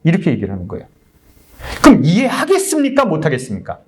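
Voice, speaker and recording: During a church service, a male pastor with a slightly high voice, huge pitch swings, and a quick pace delivers a conversational sermon. He fires off many rhetorical questions to the congregation and acts out crowd voices in blunt, coarse speech.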